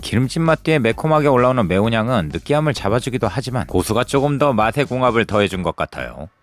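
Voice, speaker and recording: A man's voice: mid-range voice, very animated, fast talker. A young adult man narrating a restaurant food review in an upbeat, descriptive way.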